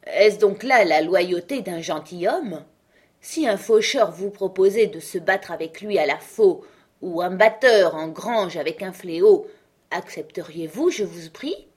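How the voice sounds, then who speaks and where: A woman's voice: on the low side, measured pace, a little mellow, husky. A woman reading the part of a witty, mocking uncle, ironic and emphatic, in an audiobook. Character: witty, mocking uncle who fights a duel.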